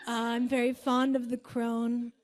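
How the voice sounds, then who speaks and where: A woman singer leading a spiritual gathering, talking softly and meditatively between songs. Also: fairly high pitch, completely flat delivery. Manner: soft, slow, meditative. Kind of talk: spiritual talk between songs at a live concert.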